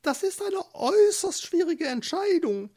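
Shrill cooing storybook doves. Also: very animated, unhurried, a little mellow, exaggerated voice. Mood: agitated cooing. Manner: cooing interjections. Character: cooing gossipy doves, high and excited. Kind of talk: storybook reading.

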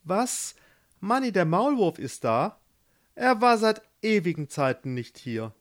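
A storyteller voicing a timid young maiden in a tower, soft and a little anxious, in a read-aloud fairy tale. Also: mid-range voice, sing-song, unhurried. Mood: flustered.

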